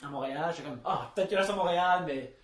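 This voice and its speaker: A man with an Abitibi Quebec French accent chats casually, telling anecdotes. His voice sits a little high for a man, and the room around him echoes clearly. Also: rapid-fire. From Abitibi, Quebec, Canada. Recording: roomy, echoey room sound.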